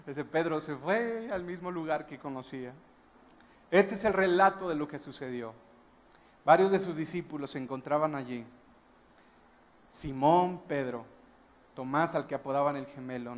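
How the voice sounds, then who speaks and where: A man's voice: medium pitch, normal speed. A man preaching a sermon as a guest pastor, retelling a story emphatically and breaking into wondering exclamations.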